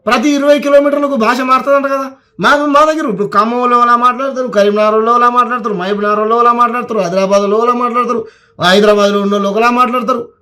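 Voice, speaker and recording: A man's voice: extremely high pitch, fairly even intonation, fast, pushed and bright. A man speaking Telugu with a Telangana accent, giving a heated political rant that scolds and repeats words for emphasis. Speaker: political commentator.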